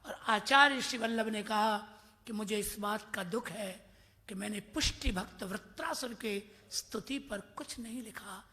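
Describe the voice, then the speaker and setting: A devotional speaker in his fifties from Mathura tells scripture stories and recites Sanskrit verses, slipping into the voices of his characters. His voice is very bright and ringing. Long reverb trails off each line in the hall. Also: sits high, measured pace. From Mathura, India. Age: 50s. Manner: storytelling, quoting Sanskrit verses; acts out voices in his anecdotes. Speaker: religious discourse speaker.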